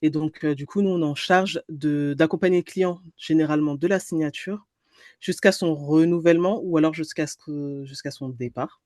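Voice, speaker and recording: A woman's voice: low voice, moderate pace, a little mellow, dry recording. Woman chatting, close dry sound. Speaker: podcast guest, entrepreneur and trainer. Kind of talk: casual conversational explanation.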